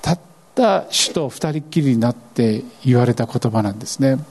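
A man preaching a sermon as pastor, animated and expressive, acting out scripture lines as he goes. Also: medium pitch, moderate pace.

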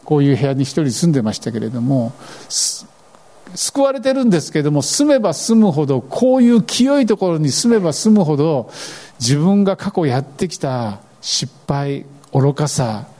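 Pastor, male, preaching with big swings in pitch, mellow tone. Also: normal speed. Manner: animated preaching, voices scripture lines. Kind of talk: sermon.

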